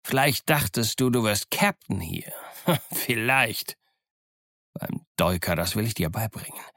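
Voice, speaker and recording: A man's voice: fairly low pitch, animated, unhurried, gravelly, sharp tone, no room sound, studio quality, exaggerated voice. A man voicing a scheming old one-legged pirate captain who growls threats and mocks his crew. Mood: menacing, scornful. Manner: growling threats, mocking and commanding. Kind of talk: audiobook character voice.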